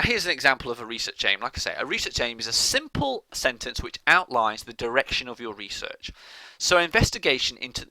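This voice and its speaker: A man's voice: medium pitch, bright, forceful tone, no echo, rough recording. A man, a college lecturer, explaining step by step in a recorded lecture, often restarting phrases and checking in with "okay?".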